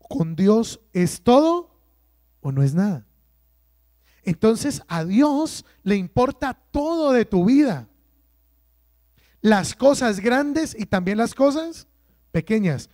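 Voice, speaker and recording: High-voiced priest preaching emphatically. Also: male voice, darkish tone, dry recording. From Colombia. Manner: emphatic preaching with rhetorical questions and slow drawn-out stresses. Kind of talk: sermon at a prayer workshop.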